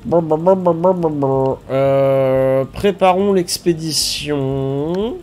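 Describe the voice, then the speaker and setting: Soft music plays behind a slow, slightly high-voiced man streaming a survival game. He's a little congested with a stuffy nose, relaxed and talkative, and he muses aloud, repeating words.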